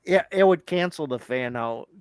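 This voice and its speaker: Lively, teasing man, laughs a lot. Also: on the high side, normal speed, smooth. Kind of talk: casual banter.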